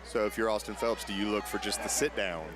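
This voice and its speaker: Low-voiced male grappling commentator. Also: steady tone, quick pace, a crowd in the background. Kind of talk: live sports commentary, explanatory.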